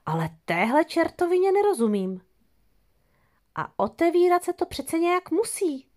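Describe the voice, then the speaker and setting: A woman's voice: very high voice, big pitch swings, darkish tone, pitched above the performer's own voice. A woman voicing a sly, greedy female fox in an audio fairy tale, grumbling indignantly under her breath.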